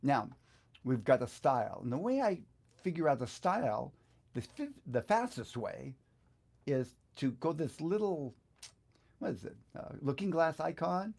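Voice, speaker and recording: In a relaxed, step-by-step screen lesson, a middle-aged guitar teacher and video host instructs while musing aloud conversationally. His voice sits on the high side, a little mellow, with a sing-song lilt and vocal fry, and he speaks a little slowly.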